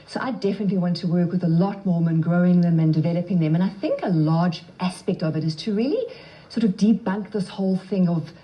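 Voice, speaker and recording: A woman's voice: lowish voice, quick pace, warm tone. A South African woman answering interview questions as a guest, speaking in a self-assured, emphatic way. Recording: slightly dull, band-limited sound.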